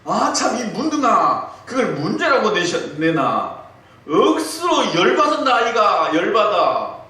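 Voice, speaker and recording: A pastor voicing a blunt, short-tempered husband who speaks in a Gyeongsang accent. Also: male voice, very high-pitched, big pitch swings, unhurried, voice pushed up, exaggerated voice. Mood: angry. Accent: Gyeongsang dialect. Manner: blunt, curt, yelling. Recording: echoey hall, distant mic, faint noise.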